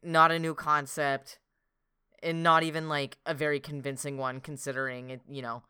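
A man's voice: fairly high pitch, level tone, moderate pace, sharp tone, clear, resonant tone, dry recording, studio quality. A young man co-hosting a podcast, rambling casually with frequent swearing and filler words. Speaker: podcast co-host. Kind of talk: casual chat.

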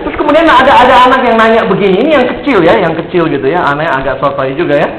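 A man giving a humorous youth sermon, telling stories in a lively way, teasing his listeners and asking rhetorical questions. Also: sits high, very fast, a loud crowd. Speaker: youth speaker. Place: large hall. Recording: echoey hall, faint background hum.

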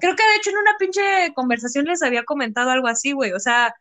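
Mexican woman co-host in her twenties, very high voice, slangy and foul-mouthed. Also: fast, bright, forceful tone. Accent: Mexican Spanish. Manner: slangy, profane, chatty. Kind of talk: casual chat.

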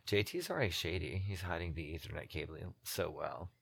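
A woman's voice: extremely low pitch, fairly quick, vocal fry, slightly rough. A woman co-hosting a podcast, chatting casually and wryly as she recaps a TV episode and laughs often. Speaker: podcast co-host.

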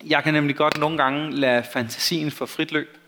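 Brief: male preacher, slightly high voice, reads scripture then confesses with wry humor. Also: fairly even intonation, pushed and bright, slight background noise. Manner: candid, self-mocking, conversational. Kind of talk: sermon with Bible reading.

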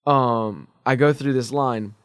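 A man in his twenties telling a work story in casual chat, animated and acting out the quotes. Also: mid-range voice, slow pace, clear, resonant tone, no room sound. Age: 20s.

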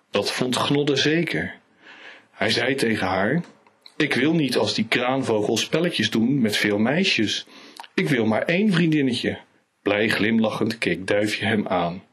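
A man reading an animal story aloud in a slow, unhurried storytelling manner, lightly voicing the characters. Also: medium pitch, a bit bright, husky. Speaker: reader.

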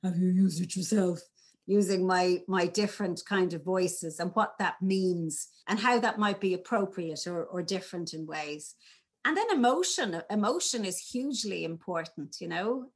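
A woman, a drama teacher talking through classroom exercises in an interview, animated and playful. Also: on the low side, moderate pace. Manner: animated, demonstrates lines in varied voices. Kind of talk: conversational interview.

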